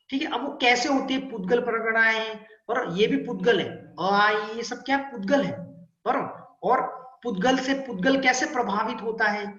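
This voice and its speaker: Man slowly chanting vowels, echoey. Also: very high voice, fairly bright tone, lo-fi sound. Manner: patient, drawn-out chanting of vowel sounds; checks in often with "ठीक है ना". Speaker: spiritual teacher. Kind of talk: instructive talk leading a group chant.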